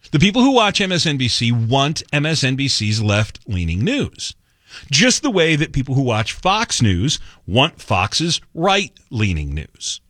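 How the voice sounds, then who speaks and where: A man with a mid-range, slightly bright voice hosts a conservative talk radio show, delivering a sarcastic monologue and mocking other outlets with put-on quotes. It is recorded on a studio mic with no echo.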